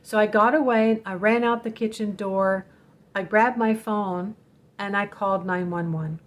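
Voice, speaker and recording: A woman's voice: medium pitch, steady tone, unhurried. A woman hosting a vlog, telling a personal story in an earnest, direct way and warning her viewers. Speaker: spiritual channel host telling a personal story.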